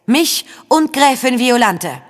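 A woman voicing a young woman who speaks through a lying spirit, slow, insistent and persuasive, in an audiobook. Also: high voice, animated, a bit bright, big-room sound, voice pushed up. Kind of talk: audiobook character voice.

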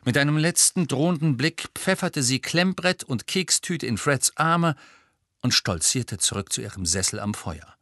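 A man narrating an audiobook with a lively, expressive delivery. His pitch moves a lot through the sentences, and the sound is close and dry with no room around it. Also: moderate pace, no echo. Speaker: audiobook reader.

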